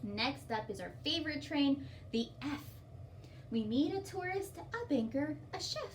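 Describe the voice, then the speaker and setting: A woman reads aloud from a picture book during story time for small children, her high voice animated and unhurried. She offers simple, encouraging explanations and questions, picked up by a distant microphone with some faint background noise.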